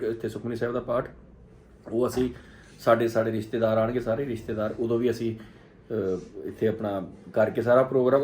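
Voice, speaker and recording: A man hosting a family vlog in casual talk, earnest and repeating phrases for emphasis as he chats and interviews. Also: medium pitch. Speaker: vlog host.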